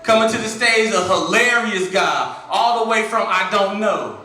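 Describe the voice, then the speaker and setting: A man hosting a comedy show, loudly hyping the crowd and introducing acts. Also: sits high, moderate pace, very echoey, distant mic, noisy background. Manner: loud, hype, profane. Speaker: show host. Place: comedy club stage.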